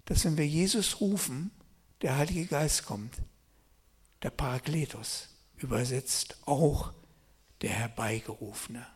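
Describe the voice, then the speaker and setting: A middle-aged man preaching a sermon. He reads scripture quietly and tells his own stories loudly and with excitement. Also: medium pitch, slow pace. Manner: swings from quiet scripture reading to loud excited storytelling.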